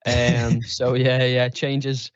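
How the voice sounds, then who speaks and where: A man's voice: medium pitch, flat delivery, takes it slowly, no echo. A young adult man with a Liverpool accent, answering interview questions in a candid, modest, chatty way. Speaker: guest, tech trainer. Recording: dry, slightly dull lo-fi sound.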